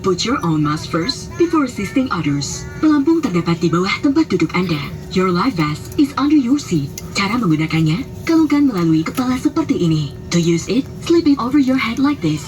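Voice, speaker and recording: A woman's voice: medium pitch, very animated, moderate pace, few pauses, a little mellow, soft background music. A woman reads a formal, instructional airline safety demonstration as a scripted cabin announcement. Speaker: flight attendant announcer.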